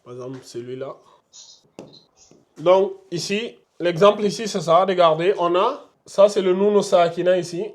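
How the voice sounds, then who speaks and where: A man's voice: high-pitched, normal speed, a little mellow. A man teaching a class in a classroom, patiently repeating examples and drawing out each sound as he demonstrates it. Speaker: Quran recitation teacher. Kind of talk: classroom lesson. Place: classroom with a board.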